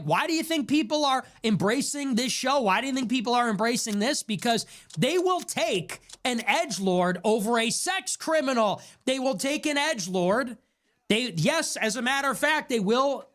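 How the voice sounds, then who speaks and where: A man's voice: very high voice, lively intonation, moderate pace, a bit bright. Young man ranting with fiery rhetorical questions. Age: young adult. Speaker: show host. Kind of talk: impassioned ranting monologue. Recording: noisy background.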